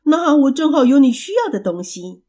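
A woman voicing a small, cheerful, excitable male mouse in a children's storybook, talking in an eager, loud way. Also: high voice, moderate pace, voice pushed up.

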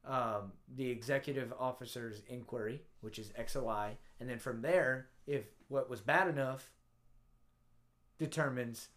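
A man's voice: medium pitch, a little slow, a bit bright. A man casually telling a rowdy story from his Navy days, swearing freely and acting out the dialogue.

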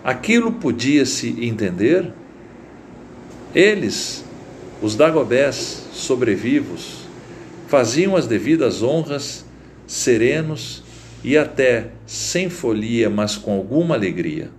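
Slow, expressive male storyteller. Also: mid-range voice, slight background noise. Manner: slow, deliberate, expressive reading. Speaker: narrator. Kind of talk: literary story reading.

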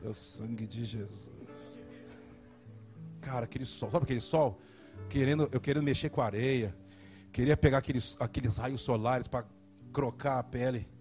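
A male pastor preaching a sermon, telling a comic story in an animated way. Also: medium pitch, brisk, faint music behind.

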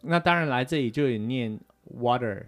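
A man from Taiwan co-hosts a casual radio talk show, chatting and explaining things with lots of fillers. He speaks in a mid-range voice at a moderate pace.

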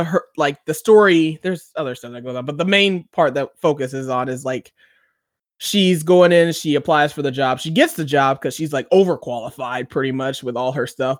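Man, fairly high voice, rambling recap, lots of fillers, dry close sound. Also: dry recording. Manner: rambling, filler-heavy storytelling with acted-out quotes. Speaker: podcast co-host. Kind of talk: casual chat recapping a TV episode.

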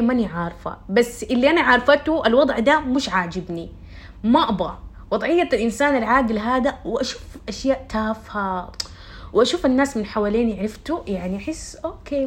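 A young woman talks fast and casually to her followers. Her tone is chatty and confiding, and she slips English words into her speech. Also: a little high. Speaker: vlogger.

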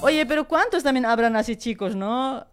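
Radio host lady, high voice, chatty and laughing, music playing behind her. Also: expressive, normal speed. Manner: chatty, laughing, sends greetings. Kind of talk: lively radio chat and live ads. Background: music in the background.

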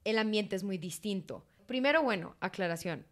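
A young woman from Miami co-hosting a casual podcast chat, talking loudly, bluntly and with plenty of swearing. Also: medium pitch, expressive, normal speed. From Miami, USA. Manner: loud, brash and foul-mouthed. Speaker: co-host.

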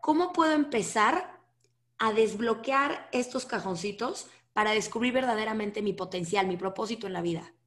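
A woman's voice: a little high, moderate pace, a bit bright. Woman asking reflective questions. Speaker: interviewer. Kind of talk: casual interview.

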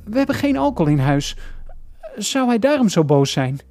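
A man's voice: high voice, very animated, moderate pace, warm tone, pitched above the performer's own voice. A man doing a frantic, stammering father. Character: panicked man defending his family.

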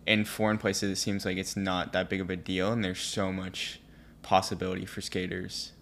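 A man's voice: deep voice, level tone, normal speed, creaky, a bit bright, a little hiss or hum. A young man hosting a podcast, chatting in an easygoing way. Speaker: podcast host. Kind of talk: casual chat.

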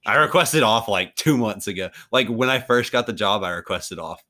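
A man in his early twenties co-hosting a sports podcast, relaxed casual chat with frequent laughs. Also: fairly low pitch, moderate pace. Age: 20s. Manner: relaxed, laughs often, trails off. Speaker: podcast co-host.

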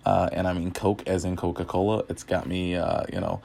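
A man's voice: low-pitched, flat delivery, brisk, vocal fry, mellow. A man hosting a casual music podcast, rambling with many fillers, and he has the hiccups. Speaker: podcast host. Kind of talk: casual music review chat.

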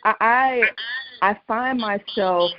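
A woman as guest in a faith-based conversation, speaking earnestly with many pauses and restarts. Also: on the high side. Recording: dry, dull lo-fi sound.

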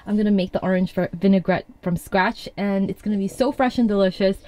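A woman's voice: medium pitch, brisk, warm tone, a little hiss or hum. A woman in her thirties, talking candidly to her viewers in a casual vlog, a little congested from a cold. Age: 30s. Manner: candid, confiding. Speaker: vlogger. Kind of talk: casual to-camera chat.

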